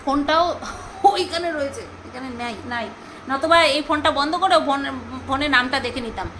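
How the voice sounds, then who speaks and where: A woman chatting casually to her viewers, gossipy and talkative, often pausing to search for names aloud. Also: sits high, sharp tone, slight background noise, rough recording. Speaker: vlogger reviewing a serial.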